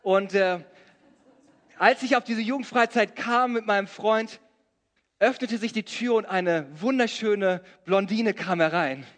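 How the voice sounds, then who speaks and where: In a large hall with long reverb, a middle-aged man from Germany delivers a sermon as a pastor, blending Bible passages with humorous personal anecdotes. His voice is high and a bit bright, and he keeps a measured pace.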